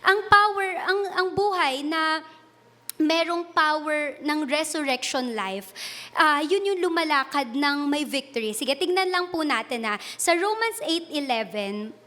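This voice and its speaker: High-voiced Filipino woman preaching. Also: animated, measured pace, bright, forceful tone. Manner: earnest, switching between Tagalog and English; retells a personal story with laughs and self-corrections. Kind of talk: sermon.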